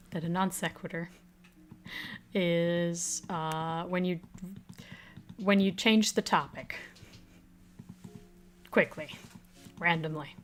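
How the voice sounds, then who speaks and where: A woman's voice: on the low side, a bit bright. A woman, a streamer in casual live-stream chat, loose and profane, muttering at puzzle pieces.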